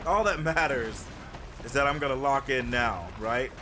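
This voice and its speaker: A man's voice: medium pitch, normal speed, background noise. A man giving casual, slangy live gaming commentary and chatting with his viewers. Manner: slangy, repetitive, easygoing banter. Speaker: game livestreamer. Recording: music behind the voice.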